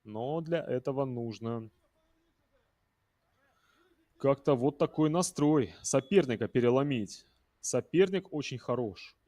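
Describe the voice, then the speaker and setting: A man's voice: mid-range voice, expressive, slow pace, pauses often, mellow. A man giving live football commentary in a conversational way, talking directly to viewers and players.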